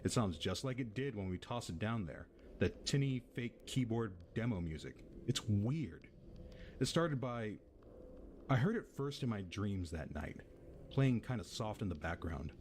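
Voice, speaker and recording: A man's voice: fairly low pitch, animated, unhurried, darkish tone, slight background noise. A man with an American accent playing a laid-back, foul-mouthed tenant who rambles through an eerie story in casual audio-drama style. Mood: uneasy.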